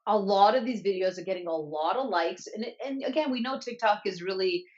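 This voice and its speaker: A woman's voice: mid-range voice, fairly quick, darkish tone, highs cut off. A woman co-hosting a casual chat show from Canada, chatty and often correcting herself. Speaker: co-host.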